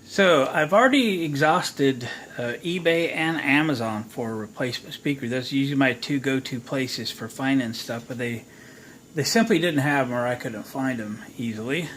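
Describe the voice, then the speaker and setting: An American man with a mid-range, fairly bright voice talks at normal speed while hosting a repair tutorial. His style is homespun and casual, with plenty of thinking aloud during the demo. Background noise can be clearly heard.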